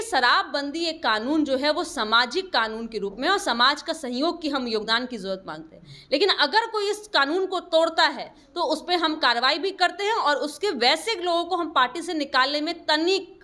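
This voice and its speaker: A woman with a high, bright voice fires back at her political opponents in an interview. She talks as a party spokesperson and lectures and rebuts them point by point. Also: lively intonation, moderate pace. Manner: combative, rebutting and advising opponents.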